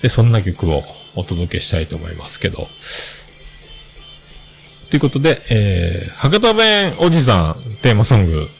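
A man's voice: on the low side, sing-song, moderate pace, vocal fry, faint music behind. A man with a hosting a casual solo talk show, rambling and chatty with many fillers.

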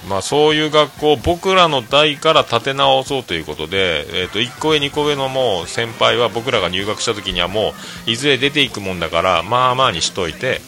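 Bright-voiced man rambling. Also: medium pitch, fairly quick, hardly any pauses, soft background music. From Fukuoka, Japan. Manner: rambling storytelling, many fillers, animated quoting. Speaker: host, restaurant owner. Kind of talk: casual solo talk stream.

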